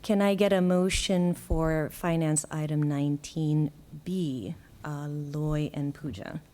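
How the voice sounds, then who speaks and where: A woman chairing a school board meeting, calling for motions and questions in a brisk procedural way. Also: low voice, steady tone, darkish tone.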